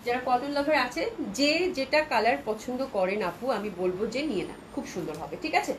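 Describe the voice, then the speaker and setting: A woman's voice: a little high, expressive, fast, a little hiss or hum, low-quality recording. A woman from Bangladesh hosting a live clothing sales stream, chatting with viewers and reading out their comments, with a sore throat from a cold. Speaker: online clothing seller.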